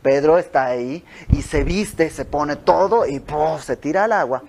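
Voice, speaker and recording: Mexican guy running a bible study at home, kinda high voice, chatty and animated. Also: unhurried, creaky. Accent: Mexican Spanish. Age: young adult. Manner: conversational, animated storytelling with quoted dialogue. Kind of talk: informal Bible study teaching. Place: house. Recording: home recording with audio flaws.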